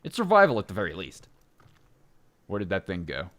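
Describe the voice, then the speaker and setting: Fairly quick in delivery, this man rambles through casual let's play commentary on his gameplay. Fillers and self-interruptions abound, and his voice shoots up in pitch with excitement.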